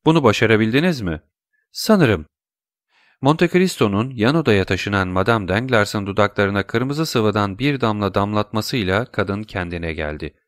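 A man reading a classic novel aloud in steady audiobook narration. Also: fairly low pitch, normal speed, few pauses, no room sound, studio quality.

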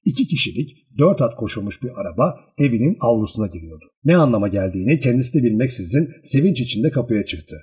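A man reads a literary audiobook aloud in a husky, mellow voice. His pitch moves up and down in a lively way, and the storytelling stays measured and expressive throughout. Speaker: audiobook narrator. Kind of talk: scripted literary narration.

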